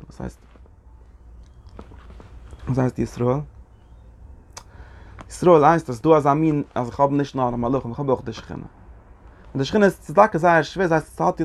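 A man giving a Torah study lecture, halting and repeating his phrases as he works through the text. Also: medium pitch, creaky. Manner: halting, repeats phrases, mixes Yiddish and Hebrew terms into German. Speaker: Torah teacher.

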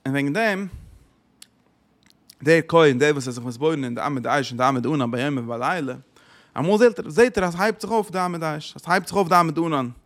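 A man's voice: a little high, brisk, a bit bright. A man giving a religious lesson who asks rhetorical questions and repeats his phrases. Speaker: Torah teacher.

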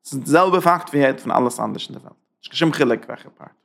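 A man's voice: medium pitch, quick pace, vocal fry, a bit bright. A man teaching a Torah class as a rabbi, driving his points with rhetorical questions and emphatic repetition. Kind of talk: Torah lecture.

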